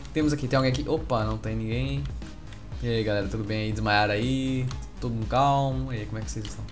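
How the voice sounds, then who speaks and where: A man with a Brazilian Portuguese accent, doing joking let's-play commentary and calling out excited greetings to his viewers. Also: medium pitch. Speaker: gaming youtuber.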